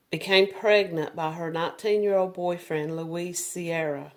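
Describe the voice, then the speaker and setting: A woman's voice: on the low side, a little mellow. A woman hosting a true crime podcast, telling the story in a casual, conversational way with restarts and filler words.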